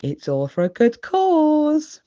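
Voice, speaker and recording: A woman's voice: high voice, wildly swooping pitch, slow pace, warm tone, highs cut off, pitched above the performer's own voice, exaggerated voice. A British woman voicing a cheery, matter-of-fact female rabbit shopkeeper in a children's storybook. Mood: cheery selling. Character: brisk, reassuring female rabbit shopkeeper and helper.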